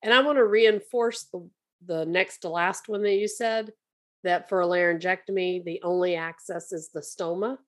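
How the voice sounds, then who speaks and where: A woman's voice: lowish voice, steady tone, normal speed. A woman interviewing in a conversational style, restating key points with emphasis.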